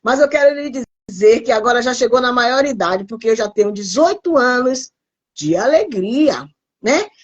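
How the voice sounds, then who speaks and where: Pastora emotiva com voz aguda. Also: female voice, a little high, lively intonation, normal speed, dull audio. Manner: emotional, repeats phrases, voice breaks into tears at times. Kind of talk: sermon testimony on a live stream.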